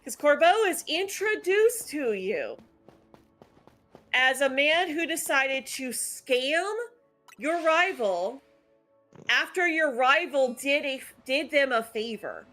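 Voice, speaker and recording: A woman's voice: high-pitched, lively intonation, slow, a bit bright. A woman hosting a casual gaming chat, opinionated and analytical, talking with lots of "like" fillers. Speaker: channel host. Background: faint background music.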